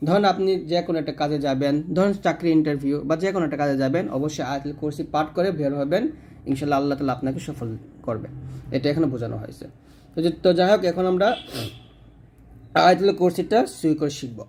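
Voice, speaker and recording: A man from Bangladesh with a slightly high voice gives a patient spoken lesson on correct recitation. He breaks off his explanations to recite phrases slowly, stretching the vowels. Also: a little mellow, slight background noise. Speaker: Quran recitation teacher.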